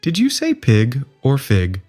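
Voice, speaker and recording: A languid, cheerfully mad storybook cat, pitched far down into a low register. It speaks in unhurried, matter-of-fact riddles, with faint music underneath. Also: female voice, wildly swooping pitch, a little mellow, heavily acted. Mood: casual, nonchalant.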